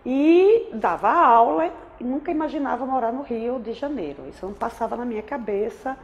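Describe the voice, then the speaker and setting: With a fairly high, animated voice at a moderate pace, a Sergipe-accented woman in her forties from Aracaju, Brazil, thoughtfully tells her life story. She's an anthropologist who often adds tag questions, and the recording's highs are cut off.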